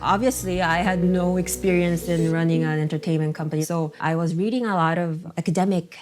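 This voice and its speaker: A woman from Korea who founded a pop group, speaking in a measured, thoughtful way in an interview. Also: on the low side, fairly even intonation, a little mellow, soft background music.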